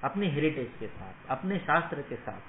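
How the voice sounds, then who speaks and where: A man's voice: fairly high pitch, very animated, moderate pace. A man giving a motivational lecture to students, emphatic and rhetorical, checking for assent and mixing Hindi with English phrases. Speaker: Ayurveda teacher. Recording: echoey room, tinny phone-like sound, faint noise.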